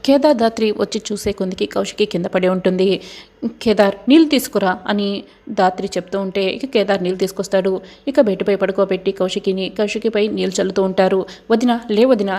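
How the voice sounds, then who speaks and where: A woman narrating a TV serial recap in a steady retelling style with repeated filler words. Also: mid-range voice. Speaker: storyteller.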